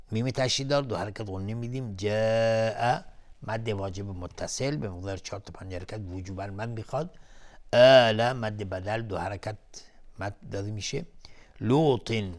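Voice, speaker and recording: Calm man teaching Quran recitation. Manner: chants verses slowly in high melodic recitation, then explains rules plainly; calm, methodical, repeats each word while explaining. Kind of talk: televised Quran recitation lesson.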